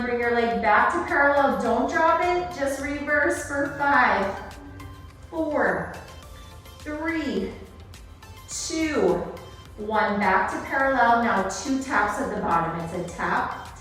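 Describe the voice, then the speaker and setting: A woman's voice: fairly high pitch, a bit bright. A woman leading a workout as an aerobics-style Pilates instructor, cueing moves and counting down reps in an encouraging, instructive way. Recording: echoey room, distant, music behind.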